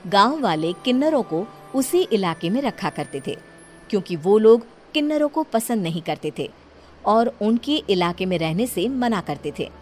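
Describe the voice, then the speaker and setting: A woman's voice: mid-range voice, big pitch swings, moderate pace, a little mellow, faint music behind. A woman narrating a cartoon horror story in a dramatic storytelling voice.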